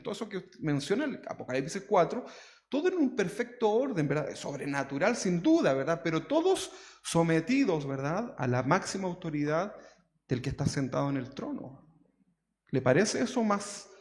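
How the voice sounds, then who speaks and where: A man preaching a conversational sermon, always adding tag questions to his congregation. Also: sits high. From Chile. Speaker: pastor. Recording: long church hall reverb.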